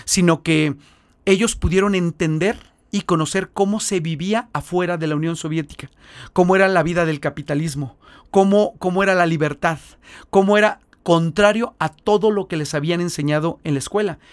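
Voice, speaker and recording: Mexican-accented male missionary guest, high-pitched, dry close sound, lively storyteller. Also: a little fast, dry recording. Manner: animated, acts out the voices in his stories. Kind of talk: storytelling in an interview.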